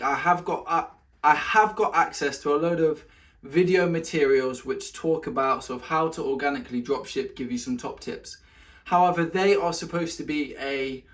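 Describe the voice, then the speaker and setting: Chatty man giving a casual weekly update. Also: a bit bright. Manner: chatty, talks to his cat in a high sing-song voice between points. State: a little out of breath. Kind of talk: casual solo update vlog.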